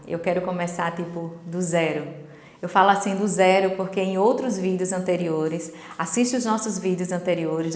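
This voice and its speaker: A middle-aged woman, an English teacher, explaining a lesson in a didactic way and checking in with her students through quick tag questions. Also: medium pitch. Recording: roomy echo with long reverb.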